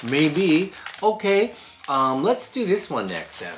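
Chatty woman with lively pitch. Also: slow pace, slight background noise. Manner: chatty, thinks aloud, frequent hums. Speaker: food review host. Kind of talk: casual snack-tasting chat.

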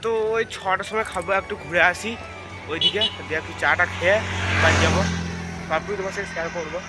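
A man's voice: high voice, quick pace, very noisy. A young man, chatting to viewers while vlogging outdoors on a phone camera. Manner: chatty, keeps addressing viewers as friends. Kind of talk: casual travel vlog narration. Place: outdoors on village roads. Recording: background music under voice.

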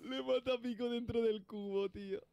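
A man in a casual gaming chat, excitable and breaking into laughter. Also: extremely high pitch, moderate pace, gravelly, clean tone.

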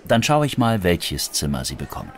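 A courteous male hotel desk clerk in a language-course dialogue. His voice sits a little low and moves in a lively way, sounding helpful. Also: moderate pace, creaky, slight background noise, heavily acted.

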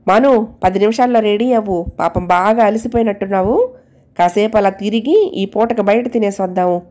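A woman voicing a calm, patient middle-aged husband who speaks gently. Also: medium pitch, normal speed, natural voice. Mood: gentle. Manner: gentle, soothing.

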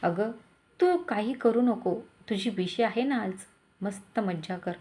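A woman's voice: mid-range voice, animated, measured pace, mellow, close to an everyday voice. A woman voicing a caring older mother-in-law, speaking in a bossy yet tender way.

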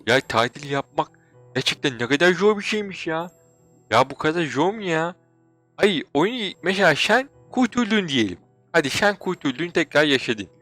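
A young man hosting a game video, talking in a loud, playful, exaggerated way while commenting on his role-play. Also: on the high side, big pitch swings, normal speed, no room sound, faint music behind. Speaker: gaming channel host.

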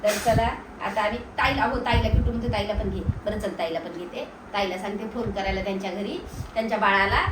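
A woman's voice: mid-range voice, fast talker, echoey room. A young woman chatting on a family vlog, talking to viewers and coaxing her toddler along. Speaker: family vlogger. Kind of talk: casual family vlog chat. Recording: phone video with clear street noise.

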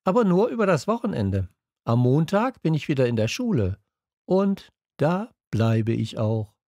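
A man's voice: on the high side, very animated, measured pace, dark tone, husky, no room sound, studio quality, pitched above the performer's own voice, exaggerated voice. A man reading a children's audiobook, voicing a caring, worried mother in a lifted, lighter voice. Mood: teasing. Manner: raised, lighter voice.

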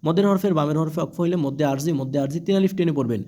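Guy slowly spelling out quran words for a class, soft mellow tone. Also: fairly high pitch. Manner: patient, letter-by-letter spelling with drawn-out recitation; asks rhetorical questions, checks with "okay?". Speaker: Quran reading teacher.

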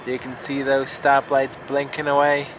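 A man's voice: medium pitch, monotone, normal speed, noisy background. A man with a nasal, stuffy voice from a cold, vlogging in an offhand, mumbling way while sightseeing and in his car. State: sick with a cold. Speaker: travel vlogger. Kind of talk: casual vlog narration. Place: outdoors in town and inside his car.

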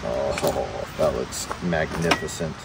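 At a mountain campsite, a man in his thirties films a casual camp vlog outdoors, explaining things easygoingly as he goes. This overlanding vlogger has a slow, creaky bass voice, and the recording is very noisy.

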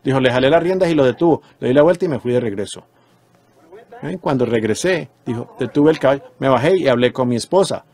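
A man's voice: mid-range voice, lively intonation, quick pace, darkish tone. A man preaching a sermon, retelling dreams earnestly and rising into emphatic exhortations.

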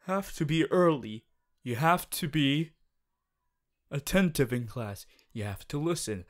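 Here a man takes on the role of an earnest, rule-bound teenage class president for an ASMR character monologue. His slightly high voice is animated but measured in pace, and his stiffly worded pleas come out formal, preachy, and exasperated.

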